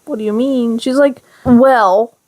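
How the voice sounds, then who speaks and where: High-voiced woman telling stories casually. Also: unhurried. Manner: animated storytelling, acting out quoted dialogue. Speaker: podcast co-host. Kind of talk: casual chat, personal storytelling.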